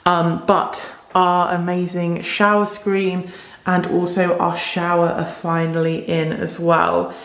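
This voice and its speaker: A woman's voice: fairly low pitch, little pitch movement, slow pace, a bit bright. A woman vlogger chatting casually on camera while showing a tiled bathroom, her voice echoing off the hard walls. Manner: chatty, with repeated intensifiers. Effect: room echo from tiled bathroom. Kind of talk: casual home renovation vlog. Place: echoey tiled bathroom, indoors.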